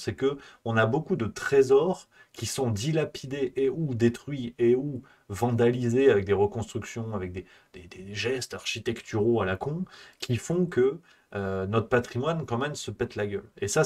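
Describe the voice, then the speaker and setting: A man's voice: mid-range voice, moderate pace, darkish tone. A man hosting a live stream, ranting in a casual satirical way, rambling and mocking with many hesitations.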